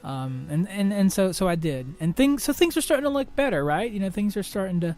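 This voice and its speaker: A young man hosting a podcast, talking through personal troubles in a halting monologue full of restarts, fillers and swearing. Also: high voice, expressive, darkish tone, faint music behind. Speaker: podcast host.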